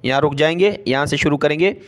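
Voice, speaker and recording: High, clear-voiced Quran teacher, unhurried. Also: male voice. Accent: Urdu-speaking, Pakistani. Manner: spells out letters and vowel marks slowly, then recites each word in a drawn-out chant; explains rules in quick asides between the slow recitation. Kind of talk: step-by-step recitation lesson.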